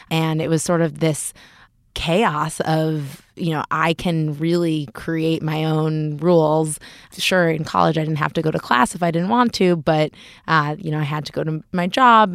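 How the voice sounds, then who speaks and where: A woman's voice: sits low, creaky, no echo, clean studio sound. A woman in her twenties, a guest on a podcast, thinking back on her experience in a reflective way. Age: 20s. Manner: reflective, storytelling. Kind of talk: casual podcast discussion.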